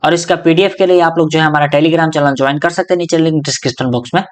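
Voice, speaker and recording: A man's voice: fairly high pitch, fairly even intonation, racing. A young man giving a classroom grammar lecture as a teacher, mixing in English words and repeating each key point as a question he then answers himself. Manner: mixes English words into explanations.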